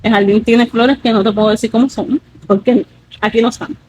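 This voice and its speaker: Earnest woman, slightly high voice. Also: fairly even intonation, fairly quick, a little mellow, husky, rough recording. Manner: earnest, with many fillers like "pues" and "¿verdad?". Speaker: guest giving a testimony. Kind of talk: emotional personal testimony.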